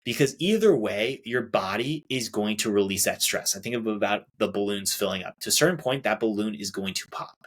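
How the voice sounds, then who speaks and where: A man's voice: fairly low pitch, expressive, fairly quick, hardly any pauses. A young adult man hosting a solo self-help podcast, talking casually, restarting phrases and acting out quoted reactions. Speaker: podcast host.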